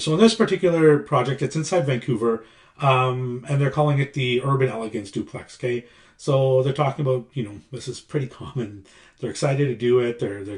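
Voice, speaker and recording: A man, a construction coach casually explaining a design presentation in a relaxed, conversational way with frequent fillers and check-ins. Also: medium pitch.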